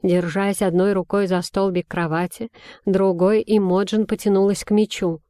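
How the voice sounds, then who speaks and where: A woman reading a children's fantasy story aloud, with clear, even storytelling. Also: mid-range voice, moderate pace, dry recording, studio quality. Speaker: audiobook narrator. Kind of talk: scripted storybook narration.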